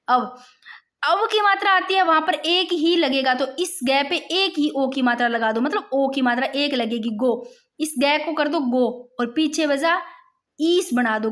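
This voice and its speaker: High-voiced woman teaching a grammar lesson. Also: a bit bright. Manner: repeats example words slowly, addresses students as bhai.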